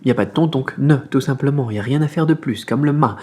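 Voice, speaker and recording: A man teaching a casual beginner Mandarin video lesson, explaining in a friendly way, repeating sounds slowly, with many fillers. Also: mid-range voice, darkish tone, husky.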